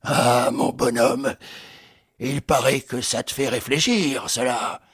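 A man's voice: mid-range voice, steady tone, slow, fairly bright tone, no room sound, clean studio sound. A man playing a furious young army captain who barks threats and scornful jibes in an audiobook. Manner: gruff threats and scornful laughter.

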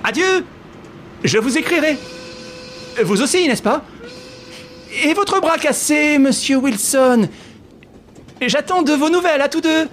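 A man reading an audiobook, voicing a suave gentleman thief who talks in an ironic, mock-polite way. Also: fairly high pitch, sing-song, slow pace, pauses often, slight background noise. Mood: cheerful.

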